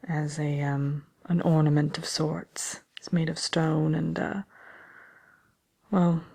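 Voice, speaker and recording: A woman acts out a vain fairy-tale wicked witch hosting her own ASMR chat show. The voice is fairly low for a woman, husky and full of creak. She drawls with smug, condescending grandeur. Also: level tone, slow, warm tone, heavily acted. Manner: haughty, drawling, self-satisfied.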